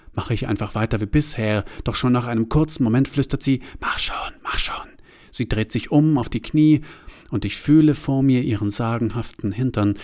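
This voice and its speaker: A man narrating a first-person story in a confessional way, turning from hushed to agitated. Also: mid-range voice.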